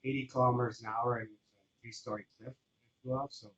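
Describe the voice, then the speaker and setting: A man, a guest in a casual interview, telling his story in a relaxed, rambling way full of fillers. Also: medium pitch, a little fast, muffled recording. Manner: relaxed and rambling, with many fillers like "you know".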